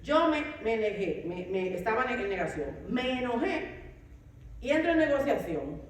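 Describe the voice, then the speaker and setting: A woman telling a personal testimony as a mother, animated, acting out her own words from the past. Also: fairly high pitch, normal speed, a little hiss or hum. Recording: echoey room, a bit far from the mic.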